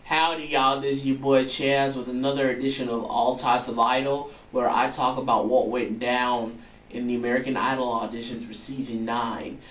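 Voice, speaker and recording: A man's voice: mid-range voice, little pitch movement, moderate pace, a bit bright, a little hiss or hum, pitched below the performer's own voice, close to an everyday voice. A man putting on an exaggerated Texan cowboy drawl in a hammy, playful greeting. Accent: put-on Texan. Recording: echoey room, mic at a distance.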